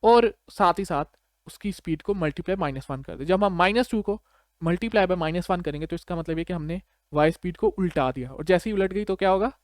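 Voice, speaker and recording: A man with a Pakistani accent, a programming tutor, gives an informal step-by-step tutorial, conversational and often checking understanding with short tag questions. His voice is high, fairly quick and a little mellow, recorded in studio quality with no room sound.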